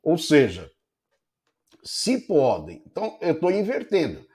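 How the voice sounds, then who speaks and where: A man's voice: a little high, huge pitch swings, a little slow, mellow. A middle-aged man teaching a recorded online lecture, explaining step by step and checking in with frequent tag questions. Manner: explanatory, many checking "né?" tags.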